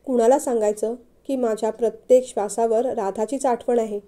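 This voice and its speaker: A woman reading the part of a protective young man, anxious and devoted, who pleads and presses with urgency. The voice stays high and light, a storybook hero rather than a deep one. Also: fairly even intonation, normal speed, dark tone, lightly acted. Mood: longing.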